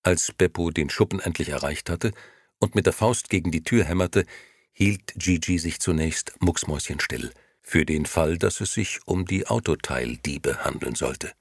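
A man reading an audiobook aloud with husky, expressive storytelling. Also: deep voice, normal speed, no echo, studio quality. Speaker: narrator.

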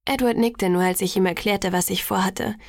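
A woman reading a first-person audiobook in a measured, quietly reflective way. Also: medium pitch, steady tone, gravelly, dry recording, clean studio sound. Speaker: audiobook narrator.

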